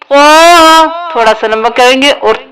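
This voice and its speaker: A woman teaching Quran reading, drawing out each letter in sung recitation between quick explanations, with music underneath. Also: sits high, very noisy. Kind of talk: slow spelled-out recitation lesson.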